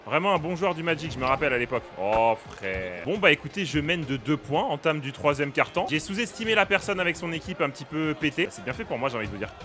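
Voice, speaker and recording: A young man playing a basketball video game, giving excitable, casual commentary, often shouting at the action and laughing. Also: on the high side, fast, hardly any pauses, music in the background. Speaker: gaming streamer.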